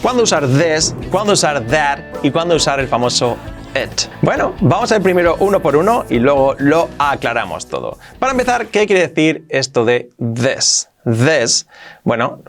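A man from Spain teaching English to beginners in a video lesson, explaining in Spanish and slowly repeating the English examples and sounds. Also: a little high, sing-song, faint music behind.

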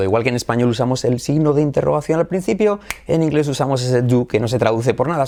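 A man with a Spain Spanish accent teaches English to learners on video. He is energetic and drills each phrase through steady repetition. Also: mid-range voice.

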